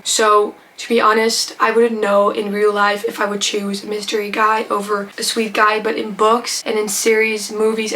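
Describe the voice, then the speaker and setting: A chatty Dutch-speaking teen girl from the Netherlands or Flanders gushes and rambles with fillers in a casual Q&A to camera for her book vlog. Her medium-pitched voice sounds bright and forceful, and the rough recording has slight background noise.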